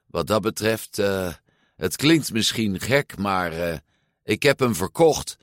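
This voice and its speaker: A man's voice: on the low side, animated, takes it slowly, no echo, studio quality. Een man die een opschepperige, uitbundige jongen voorleest in een verhalenboek. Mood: cocky. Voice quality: boastful, grinning. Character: cocky, boisterous boy who loves his Vespa.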